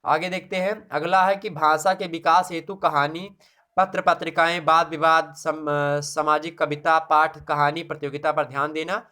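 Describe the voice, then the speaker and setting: A man's voice: a little high, level tone, normal speed, sharp tone. A man delivers a classroom lecture. He talks through his points loosely, frequent fillers and restarts, and grounds them in everyday examples. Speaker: teacher. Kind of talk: exam-prep lecture on child psychology.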